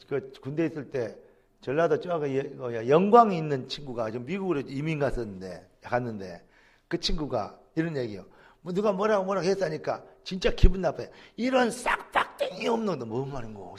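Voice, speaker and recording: A man preaching a sermon as pastor, acting out quoted lines and rising to shouts. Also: on the high side. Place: church sanctuary.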